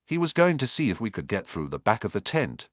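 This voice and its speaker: A man voicing a frightened teenage girl with a croaky voice after a fire, in a fan audiobook. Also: on the low side, wildly swooping pitch, brisk, dry recording, clean studio sound.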